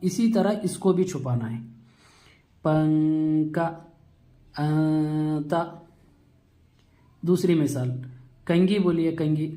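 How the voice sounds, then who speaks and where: A man teaching a Quran reading lesson step by step, patiently repeating terms and stretching sounds slowly to show them. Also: high-pitched, a little mellow.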